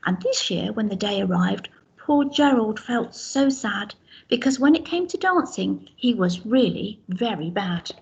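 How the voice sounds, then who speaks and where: A woman's voice: medium pitch, lively intonation, unhurried, vocal fry, highs cut off. A woman teacher reading a rhyming picture book aloud to young children, pointing out the pictures as she goes. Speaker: infant school teacher.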